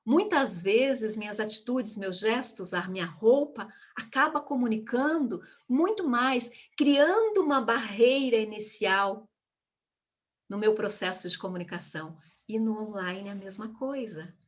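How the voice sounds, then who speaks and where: A woman's voice: fairly high pitch, expressive, unhurried. A woman giving an online lecture on public speaking, emphatic and full of rhetorical questions. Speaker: communication speaker, guest of an online live.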